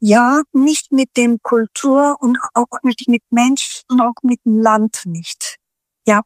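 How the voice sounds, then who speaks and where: A middle-aged Turkish woman, a native Turkish speaker, talks as a guest in a reflective interview. Her voice is high and steady, her pace slow, and she often restarts sentences while searching for words. The recording is close and dry, without any room sound.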